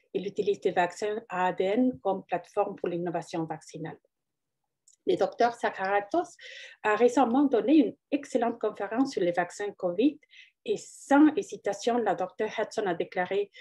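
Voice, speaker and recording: A woman's voice: medium pitch, mellow, slightly rough, low-quality recording. A woman moderating a forum, presenting a guest and questions in a formal, prepared way.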